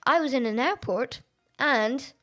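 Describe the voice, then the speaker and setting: A woman streamer chatting through a racing game, excitable and quick to laugh at her own mistakes. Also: high voice, soft background music. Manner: chatty, excitable and self-deprecating. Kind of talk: live-stream gameplay commentary.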